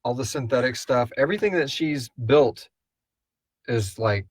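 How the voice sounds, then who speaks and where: Answering listener questions on a casual live chat he co-hosts, a man from around Houston, Texas, who creates audio dramas, rambles and gropes for words. His mid-range voice is expressive with a breathy edge and a moderate pace, captured in clean studio sound with no room sound.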